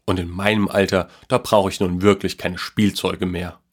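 A man voicing a kind, tired old grandfather in a storybook reading, speaking gently and softly. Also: sits low, level tone, moderate pace. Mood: warm, gentle. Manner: gentle, soft, a bit tired.

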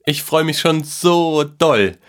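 A man voicing an excited little boy in a storybook reading, with an eager, bright way of talking. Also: medium pitch, normal speed, pitched above the performer's own voice, natural voice.

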